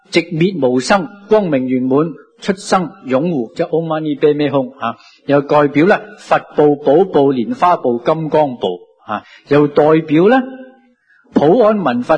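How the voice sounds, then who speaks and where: A man with a Cantonese accent giving a Buddhist sermon, telling it lively with many drawn-out sentence endings. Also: fairly high pitch, breathy edge. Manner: lively storytelling with many sentence-final particles. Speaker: Buddhist teacher.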